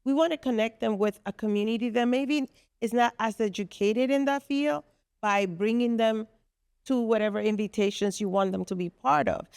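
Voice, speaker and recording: A Dominican guest on a podcast, co-founder of a business space, talks at length about her business, filling pauses earnestly. Her voice sits on the high side, gravelly yet a little mellow, clear and resonant, at a moderate pace, with no room sound.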